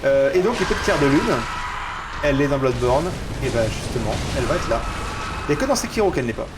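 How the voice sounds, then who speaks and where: French male streamer, mid-pitched, chatty and excitable, noisy stream audio. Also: fast talker. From France. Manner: chatty, excitable, swears at setbacks. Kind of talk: casual game commentary.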